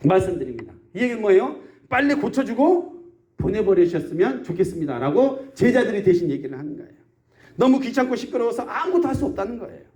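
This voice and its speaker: A man's voice: sits high, big pitch swings, fast, mellow. A man preaching a sermon as pastor of a rural church, often asking the congregation questions. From South Korea.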